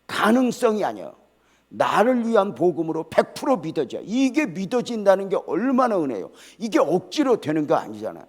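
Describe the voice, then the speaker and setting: An older man delivers a church sermon with lively energy. He quizzes the congregation, calls for responses, and drifts into relaxed conversational stories between points. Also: fairly high pitch. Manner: casual storytelling asides. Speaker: pastor. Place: church sanctuary.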